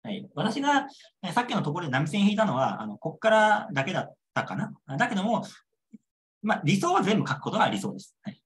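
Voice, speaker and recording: A man's voice: high-pitched, big pitch swings, fast talker. A young man lecturing on a model exam answer, repeating key points and checking understanding with rhetorical questions.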